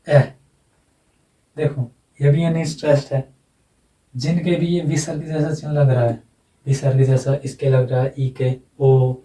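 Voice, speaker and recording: Male teacher with a dark tone, patient and repetitive, mic set a little back. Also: medium pitch, recorded from a distance, low-quality recording. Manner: slow, repeats sounds and words while explaining. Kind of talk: phonetics lesson.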